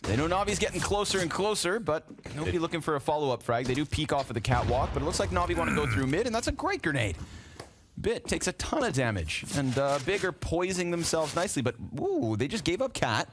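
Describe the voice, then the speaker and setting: A man casting an esports match play by play, lively and jokey, swinging into a dramatic trailer-style voice at times. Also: a little high, fast, noisy background. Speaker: play-by-play caster.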